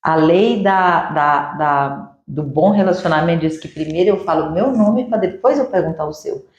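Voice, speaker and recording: Energetic woman. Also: sits low, normal speed, muffled recording. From Uberlândia, Minas Gerais, Brazil. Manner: energetic, teacherly, acts out sample dialogues. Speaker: sales mentor guest. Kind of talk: didactic interview answers. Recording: echoey room.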